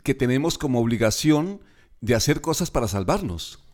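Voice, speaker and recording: A man's voice: mid-range voice, lively intonation, normal speed. Male podcast host, polite and admiring interviewer. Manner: warm, admiring, courteous.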